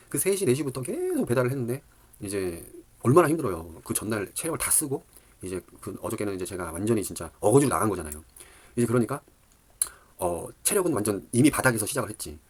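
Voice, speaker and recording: Rapid, husky man rambling animatedly. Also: medium pitch. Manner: rambling, animated storytelling with many fillers. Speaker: dating advice lecturer. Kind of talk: casual monologue.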